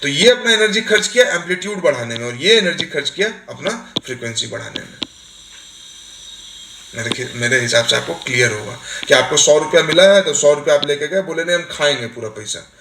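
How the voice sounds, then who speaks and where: A male teacher lectures in a fairly high, bright, forceful voice, explaining ideas with homely examples and asking again and again whether his students follow. The room is echoey and has a faint hiss. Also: expressive, fairly quick, creaky. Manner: explains with everyday examples, keeps checking with "ठीक है". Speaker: exam coaching teacher. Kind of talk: recorded lecture.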